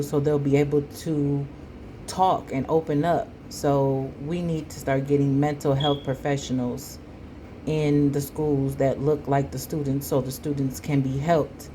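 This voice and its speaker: Opinionated female commentator, critical, deep-pitched and slow, some background noise. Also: warm tone. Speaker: commentator reacting to a video. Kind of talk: spoken commentary.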